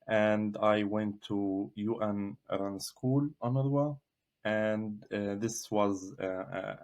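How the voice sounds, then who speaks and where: Low-voiced thoughtful man from Gaza. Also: darkish tone. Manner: measured, thoughtful, frequent hesitations. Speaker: podcast guest, researcher. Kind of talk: reflective interview answers.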